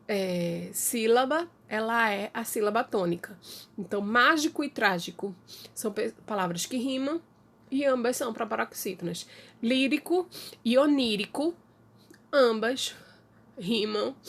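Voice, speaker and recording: A woman with a Brazilian Portuguese accent teaches an online class from home. She speaks slowly, pausing often, and her fairly high voice carries a gravelly creak. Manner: slow, halting explanation with many fillers.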